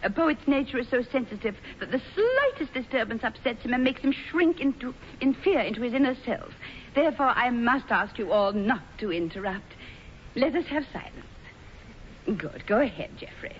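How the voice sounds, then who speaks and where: A woman's voice: on the high side, animated, normal speed, close to an everyday voice. A woman playing a vain, gushing, domineering stage actress in theatrical, affected 1940s radio comedy style. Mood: grandly commanding. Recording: muffled old radio broadcast, faint noise.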